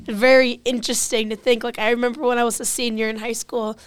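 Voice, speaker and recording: Young woman co-host, bubbly and enthusiastic, smooth and clear, slightly high voice, casual chatty delivery. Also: level tone. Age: 20s. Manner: bubbly, enthusiastic, quick to agree. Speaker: student co-host. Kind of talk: casual chat.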